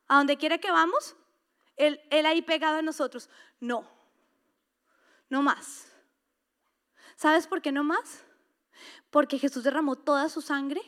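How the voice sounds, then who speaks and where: A middle-aged woman pastor delivers an impassioned sermon in a high voice. She drops to near-hushed tones and then rises to loud, emphatic declarations. Her preaching is energetic and urgent. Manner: impassioned preaching with sudden swings from soft to loud. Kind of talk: sermon to a women's gathering.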